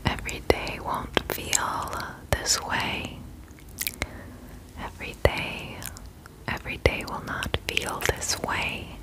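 A young woman gives a whispered pep talk in an ASMR style. Her breathy whisper moves extremely slowly, close to the mic. She repeats short, soothing reassurances. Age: 20s. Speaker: ASMR host. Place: indoor room at home.

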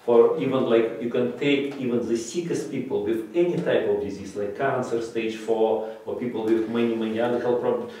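Answering an interviewer in a bright office, this middle-aged man, a teacher of a breathing method, struggles along in English, his third language rather than his native one, with frequent fillers and restarts and gestures as he speaks. He has a warm mid-range voice, captured from afar in an echoey room.

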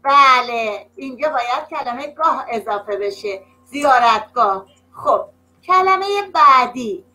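A woman teacher leading an online class for young children, slow and patient, drawing words out and praising often, heard over a video call. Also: sits high, animated, sharp tone, rough recording. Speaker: primary school teacher.

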